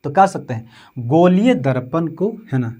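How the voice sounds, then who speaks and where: Here a man with a Bihari Hindi accent teaches physics unhurriedly, his voice mellow, expressive and on the high side. He repeats terms, checks understanding with "समझे?" and "है ना", and supplies answers to his own questions.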